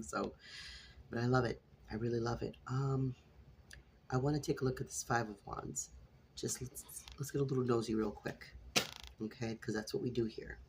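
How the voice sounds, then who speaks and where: A man's voice: mid-range voice, vocal fry, slight background noise. A man doing a freestyle tarot reading for his viewers. He talks casually, with lots of restarts and repetition, some swearing, and he calls his listeners "sweetheart" and "collective". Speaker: tarot reader.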